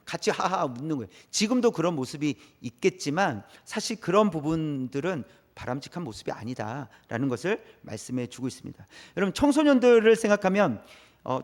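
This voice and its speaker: A man preaching a midweek sermon in a church, speaking in a bright, high register. His pitch swings widely as he talks. He keeps it conversational and often puts questions to the congregation. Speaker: pastor.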